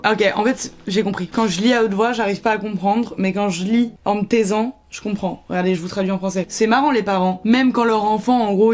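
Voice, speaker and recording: A woman's voice: mid-range voice, darkish tone. A young French woman vlogging to camera in casual chat, chatty and self-mocking, jumping between topics. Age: young adult.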